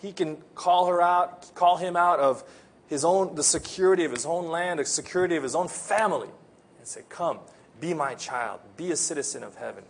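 This earnest sermon comes from a pastor born in the Philippines and raised in the U.S., who has an American accent and slows his speech on key phrases. His voice is a little high and gravelly, and there's slight background noise.

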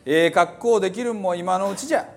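A man's voice: high voice, fast, pitched above the performer's own voice. A man reading scripture aloud as a stern old psalmist, declaiming in an old Hiroshima dialect. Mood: solemn warning. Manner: emphatic, declaiming. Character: stern old male psalmist preaching mortality.

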